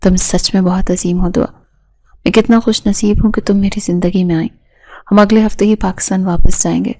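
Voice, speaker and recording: A woman's voice: medium pitch, fairly even intonation, mellow, lightly acted. A woman reading an easygoing young husband. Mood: fond.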